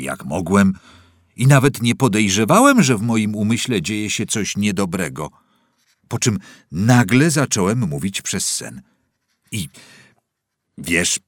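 A man voicing a frightened middle-aged prisoner who pleads loudly and sanctimoniously, close to tears. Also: on the low side, dry recording, exaggerated voice. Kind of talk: audiobook character voice.

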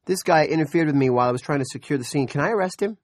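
A man's voice: a little high, expressive, racing, dry recording, studio quality, voice pushed up. A man doing a sneering bully cop. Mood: shouting.

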